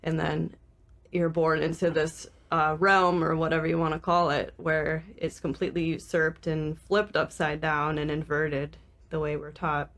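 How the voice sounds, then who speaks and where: A woman with vocal fry, talking reflectively in a casual discussion as a podcast co-host. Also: sits low, flat delivery, normal speed, fairly bright tone.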